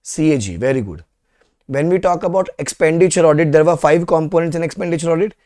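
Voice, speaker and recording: An Indian-accented male teacher with a slightly high-pitched voice. He lectures to a live class, quizzing students as he goes and saying key questions and phrases more than once so they stick. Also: fast, a little mellow. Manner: repeats questions and phrases for emphasis.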